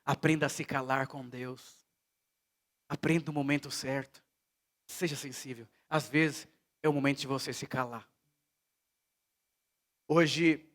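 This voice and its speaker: A man from Brazil preaches at a church service in a slightly raised register. He tells stories, dropping to a hush and then rising to loud emphasis. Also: on the high side. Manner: storytelling preacher, swings between hushed and loud. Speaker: pastor. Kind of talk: sermon.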